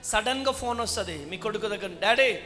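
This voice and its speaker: A woman's voice: medium pitch, fairly quick, bright, forceful tone. A middle-aged woman pastor preaching a revival sermon, urging her congregation to clap and say amen. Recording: reverberant hall with faint music.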